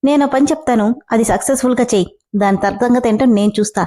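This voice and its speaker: A woman's voice: fairly high pitch, fast, warm tone, close to an everyday voice. A woman reading the lines of a playful young man who runs a company and teases his employee. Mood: teasing. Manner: teasing, joking.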